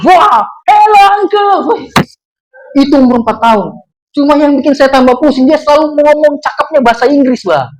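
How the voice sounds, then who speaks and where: A woman's voice: high voice, low-quality recording. A woman pastor preaching a sermon in a church, telling stories and acting out the voices in them. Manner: animated storytelling, acts out quoted voices. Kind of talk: sermon with anecdotes.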